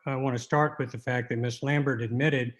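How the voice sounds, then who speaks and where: Man, appellate lawyer, courtroom oral argument, medium pitch, halting and argumentative delivery. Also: steady tone. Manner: halting, argumentative, repeating words as he goes.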